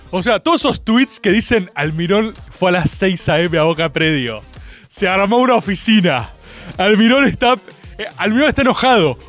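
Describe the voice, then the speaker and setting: A young man with an Argentine accent hosts a radio show in a casual, sarcastic chat. His voice sits high and swings widely, jumping from mocking squeaks down to grumbled asides. Faint music plays under him. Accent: Argentine Spanish. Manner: animated, sarcastic, jumps between high mock voices and low mutters. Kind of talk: casual comedic radio talk.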